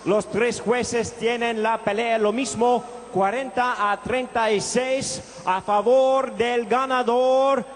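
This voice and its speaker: High-pitched bilingual lucha libre-style ring announcer, man. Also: steady tone, a little slow, hardly any pauses, slight background noise. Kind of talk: bilingual boxing ring announcement, English and Spanish. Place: live boxing event venue.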